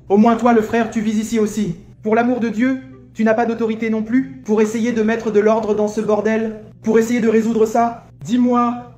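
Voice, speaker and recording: A man's voice: high voice, lightly acted. An actor playing a grumpy, bossy old father who lectures everyone and never stops complaining. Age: older. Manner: overbearing, lecturing, loud complaints. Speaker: visiting father.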